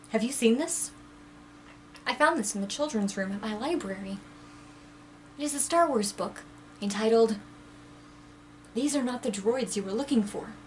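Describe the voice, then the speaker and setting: A woman's voice: mid-range voice, slight background noise. A woman chatting casually in a vlog, gushing and giggling as she talks to the camera. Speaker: book vlogger.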